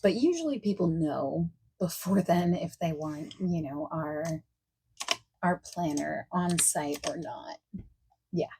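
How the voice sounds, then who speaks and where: A woman playing a friendly, accommodating party planner in a softspoken ASMR roleplay, chatting casually and reassuringly, at times nearly whispering. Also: on the low side, expressive, gravelly, husky, exaggerated voice. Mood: reassuring, helpful. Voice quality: soft-spoken, breaking into near-whispers. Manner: casual, reassuring, chatty, pausing for unheard replies. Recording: faint noise, keyboard typing and clicking.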